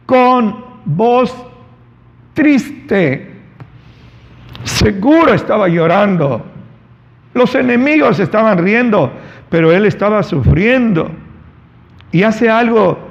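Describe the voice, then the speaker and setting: A male pastor preaching a sermon, retelling a story dramatically with long pauses and sudden stresses. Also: sits high, big-room sound, muffled recording.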